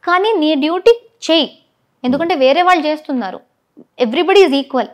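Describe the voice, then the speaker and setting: High-voiced woman, emphatic and indignant. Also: expressive, normal speed. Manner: emphatic and indignant, often switching into English phrases. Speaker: former reality show contestant, guest. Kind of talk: interview, recounting events.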